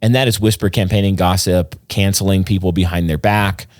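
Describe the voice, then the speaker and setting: Earnest low-voiced pastor, dry close sound. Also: male voice, fairly even intonation, fairly quick, a little mellow, no echo. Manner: earnest, explanatory, rambling with restarts. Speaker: pastor and podcast co-host. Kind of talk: casual conversational podcast chat.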